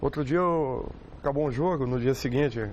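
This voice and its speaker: Calm coach, measured talk. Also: male voice, medium pitch, dull audio, a little hiss or hum. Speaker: football coach guest. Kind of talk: casual studio chat.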